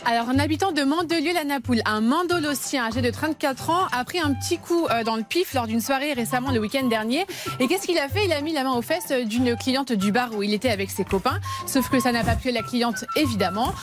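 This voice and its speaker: A woman's voice: sits high, a little fast, faint music behind. A woman presenting a news story on a radio show, in a chatty storytelling style with rhetorical questions. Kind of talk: lively news story telling. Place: radio studio.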